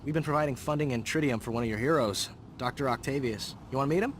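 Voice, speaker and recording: An actor playing a brash, familiar young heir with a resentful streak, in a game cutscene. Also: male voice, mid-range voice, fast, slight background noise, close to an everyday voice. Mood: friendly. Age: young adult. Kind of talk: scripted game cutscene dialogue.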